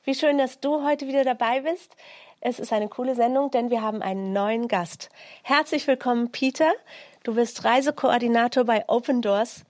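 A woman's voice: a little high, moderate pace, darkish tone, no echo. A woman hosting a faith broadcast interview, greeting the audience and guest in a cheerful, welcoming way. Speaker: host.

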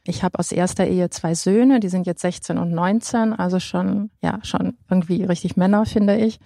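A woman in her forties gives a personal testimony, pausing often with fillers. Her voice sits low and gravelly with a mellow tone. The sound is dry and close. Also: steady tone, no room sound. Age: 40s. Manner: hesitant, many fillers. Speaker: panel guest. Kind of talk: personal testimony in a panel talk.

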